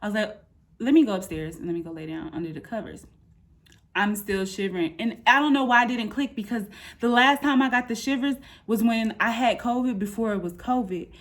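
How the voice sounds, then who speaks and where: Here a woman vlogger, age thirty, talks a little fast in a fairly high voice. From her apartment room indoors, she offers a casual personal update, slangy, candid and informal, animatedly retelling events and dropping in quoted asides.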